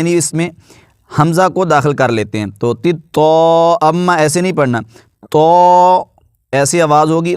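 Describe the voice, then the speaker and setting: A man teaching Quran recitation with an Urdu accent, spelling out letters and vowel marks one by one in a slow, drawn-out way, then explaining the rules more quickly. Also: on the high side, clear, resonant tone, no room sound, clean studio sound.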